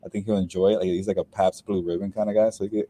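A young man with a very low, mellow voice talks quickly and loosely, full of fillers and restarts. He sounds like a sports reporter joining a post-game podcast from inside a stadium, the sound close and dry. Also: no room sound. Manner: relaxed and rambling, with many fillers and restarts. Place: inside a stadium, speaking quietly with people working around him.

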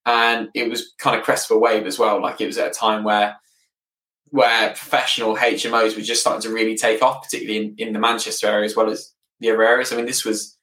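A man's voice: fairly low pitch, little pitch movement, fast talker, a bit bright. A man in his thirties telling his story casually as an interview guest, often hesitating and repeating words as he goes. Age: 30s. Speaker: podcast guest, property business owner. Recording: roomy, echoing, distant from the mic.

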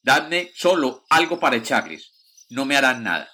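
A man reading a storybook tale, voicing a young count's son who answers calmly. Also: mid-range voice, normal speed. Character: foolish but fearless young son of a count.

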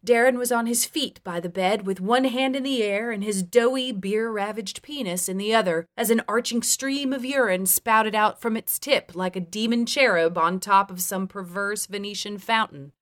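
A woman's voice: mid-range voice, normal speed, hardly any pauses, a bit bright. A woman reading her own memoir aloud in a frank, wry and profane way. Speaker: memoir narrator. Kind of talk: first-person memoir narration.

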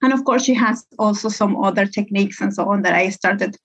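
A woman's voice: mid-range voice, brisk, slightly rough. A woman from Peru, a guest in a podcast interview who chats freely with fillers. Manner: chatty, many fillers and laughs. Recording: dull lo-fi sound.

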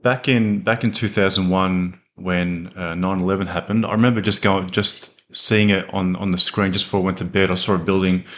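Relaxed Australian man, low voice. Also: brisk, few pauses. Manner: relaxed, plain-spoken storytelling with fillers. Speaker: podcast co-host. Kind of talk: casual conversational podcast.

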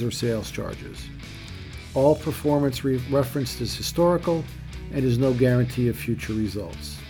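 A man giving a measured, formal scripted narration as a financial podcast host. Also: mid-range voice.

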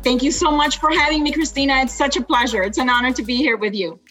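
A woman from Honduras, a guest entrepreneur, talking quickly and casually in an interview with many fillers. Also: high-pitched, fairly bright tone, soft background music, poor audio.

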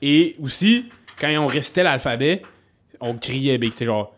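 A young man with a Québécois French accent co-hosting a podcast, rambling, laughing often and half-shouting words for fun. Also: mid-range voice, expressive, a little slow, slight background noise. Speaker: podcast co-host. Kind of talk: casual chat.

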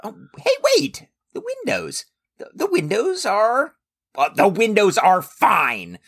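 Woman playing a husky, anxious young apprentice. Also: medium pitch, huge pitch swings, takes it slowly, heavily acted. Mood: bewildered, panicky. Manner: hesitant, stammering, indignant. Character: anxious, exasperated, sarcastic young sorcerer's apprentice named Felix. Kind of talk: scripted audio drama acting.

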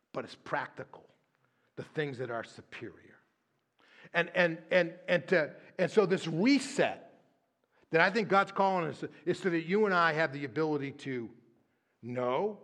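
Conversational pastor man preaching a sermon. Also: a little high. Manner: conversational, repeats words when starting lines; tag questions, shifts from lively to hushed prayer.

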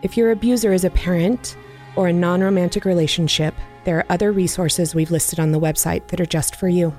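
A woman hosting a podcast, reading a scripted announcement to listeners in a measured, earnest way. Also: lowish voice, steady tone, darkish tone, soft background music. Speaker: podcast host.

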